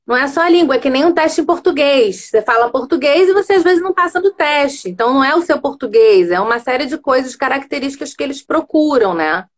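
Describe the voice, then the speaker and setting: A woman's voice: sits high, lively intonation, fast, hardly any pauses. A woman hosting a casual live chat on a video call, making her points emphatically with rhetorical checks. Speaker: host.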